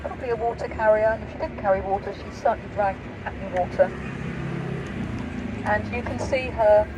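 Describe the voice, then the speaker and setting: A woman's voice: mid-range voice, steady tone, fairly quick, muffled recording. A middle-aged woman giving an explanatory guided-tour talk in an informal, teacher-like manner. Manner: teacher-like, informal, prompting listeners with questions. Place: outdoors on a busy city high street. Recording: loud street traffic noise. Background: passing vehicles, city street ambience.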